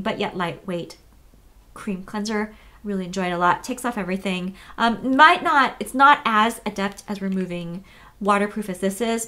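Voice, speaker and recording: Woman, 30s, beauty vlogger, casual and chatty, relaxed, filler-heavy, mid-pitched voice. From United States. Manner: chatty, relaxed, frequent fillers and self-corrections.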